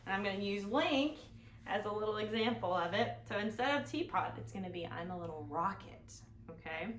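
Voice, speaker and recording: Animated and fairly quick, a woman with a mid-range voice hosts a library storytime for small children, mixing songs with picture-book reading. She keeps things playful and sing-song, posing little questions to the kids. Background noise is clear, and the room echoes.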